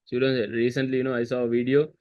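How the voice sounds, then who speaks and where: A man's voice: medium pitch, flat delivery, rapid-fire, a little mellow, dry recording, highs cut off. A man teaching a history seminar over a video call, repeating key terms and quizzing students with chatty asides. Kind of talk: online seminar lesson. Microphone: computer mic on video call.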